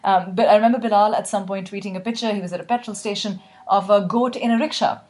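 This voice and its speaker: A woman interviewing an author in casual conversation, with brisk, chatty questions. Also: medium pitch, steady tone, darkish tone.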